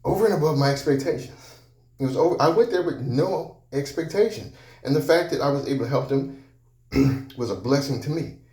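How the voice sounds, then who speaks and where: A man tells personal stories in a motivational talk, his voice a little high for a man yet mellow in tone. He speaks conversationally and circles back to repeat key phrases. The sound rings around an echoey room. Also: a little fast. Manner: conversational, repetitive storytelling with restarts.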